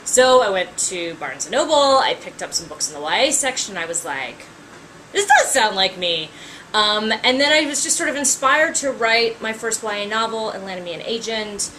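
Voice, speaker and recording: A woman's voice: a little high, lively intonation, moderate pace, hardly any pauses, background noise. A woman in her thirties, an author, talking casually to camera, chatty with frequent ums and wry asides. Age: 30s.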